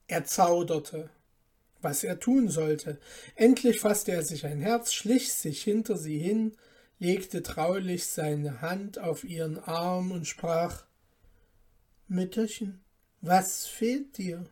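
A woman reading a fairy tale aloud in a calm, measured storytelling manner. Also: fairly low pitch. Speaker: narrator.

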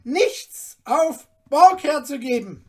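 A woman voicing a rasping, unyielding male merchant in a storybook reading. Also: lively intonation, slow, darkish tone. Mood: scornful. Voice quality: rasping, shrill.

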